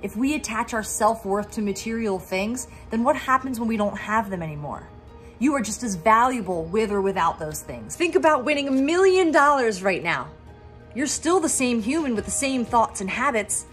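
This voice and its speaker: Faint music plays behind a woman whose voice sits on the high side, expressive and at normal speed. She's a Pennsylvania professional organizer in her thirties with a Philadelphia accent, offering an upbeat, encouraging talk to camera and poking fun at herself along the way.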